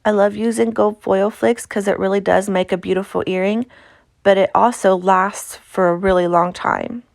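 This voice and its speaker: Casting: woman, Appalachian accent, medium pitch with gravelly creak, informal chatty instructor for hands-on craft narration. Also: steady tone, moderate pace, darkish tone, no echo, studio quality. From Appalachia, United States. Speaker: craft tutorial host. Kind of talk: casual instructional craft voice-over.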